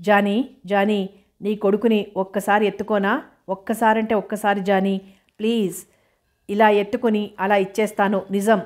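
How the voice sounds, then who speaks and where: A man's voice: high-pitched, little pitch movement, normal speed, natural voice. A woman reading the part of a troubled young man who begs like a child, in an audiobook. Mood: pleading.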